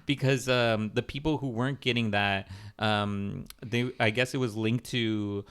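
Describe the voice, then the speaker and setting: A young man co-hosting a casual podcast discussion, pausing often with ums and restarting his sentences. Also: medium pitch, steady tone, fairly bright tone, clear, resonant tone. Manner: hesitant, many ums and restarts. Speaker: podcast co-host.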